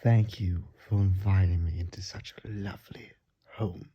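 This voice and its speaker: A man voices a courteous, ingratiating vampire visitor in an ASMR roleplay, sounding grateful and charmed as he speaks in polite, old-fashioned, hesitant and flattering phrases. His low-pitched voice is soft, breathy and often whispered, at a moderate pace, and the audio is dull.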